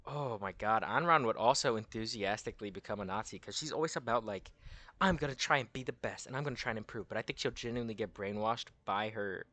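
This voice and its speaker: A young man giving casual gaming commentary that rambles along in crude slang. His fairly low voice has a bright, forceful edge. The recording is dry and close. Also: no echo. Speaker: gaming video host. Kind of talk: casual tier-list commentary.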